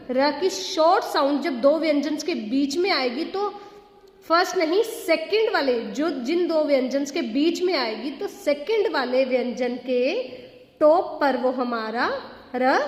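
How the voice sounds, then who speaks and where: A woman teaching a grammar lesson, explaining patiently with repeated questions, mixing phrases into her talk and stretching out example words. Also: sits high. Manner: mixes English phrases into Hindi. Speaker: school teacher. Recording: echoey room with long reverb.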